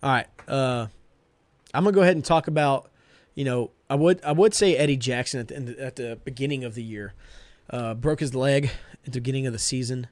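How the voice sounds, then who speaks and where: A man's voice: mid-range voice, a little fast, dry recording. A man co-hosting a casual sports podcast, making confident, upbeat picks and talking through players. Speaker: podcast co-host.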